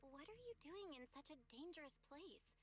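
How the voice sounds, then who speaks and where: A woman streamer reading game dialogue aloud in a lively, expressive way. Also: high-pitched, normal speed.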